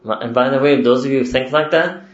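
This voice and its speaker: A man's voice: medium pitch, fairly quick. Man preaching in an echoey room. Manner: conversational, with rhetorical questions and chuckles. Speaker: religious teacher. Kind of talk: lecture-style sermon to young listeners. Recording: roomy, dull lo-fi recording.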